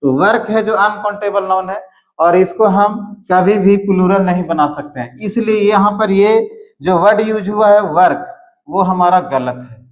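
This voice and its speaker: A man teaching English grammar, explaining slowly and repeating words as he writes out examples. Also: sits high. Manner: slow, repeats words while writing examples. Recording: echoey room, dull lo-fi sound.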